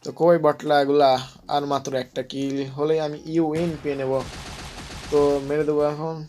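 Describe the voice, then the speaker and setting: A young man talks over his gameplay in a somewhat high, flat voice that has gone a little hoarse. He jokes, rambles and teases his opponents, with faint game music running behind him. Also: normal speed. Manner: joking, teasing opponents, rambling. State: voice slightly hoarse. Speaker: gaming channel host. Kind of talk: casual gameplay commentary.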